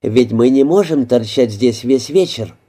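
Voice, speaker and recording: A worried, sharp-tongued woman, put on by a male audiobook narrator, speaks slowly in a slightly raised voice. The timbre stays very dark and mellow. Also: medium pitch, animated, breathy edge. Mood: coaxing.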